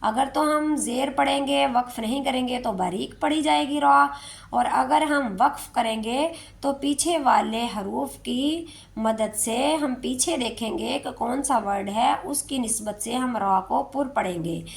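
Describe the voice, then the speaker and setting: A woman teaches recitation in a slow, patient lesson. Her voice is fairly high with a gravelly edge, and she stretches out each verse she chants. Her explanations are unhurried and careful. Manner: explains slowly, then chants verses drawn out.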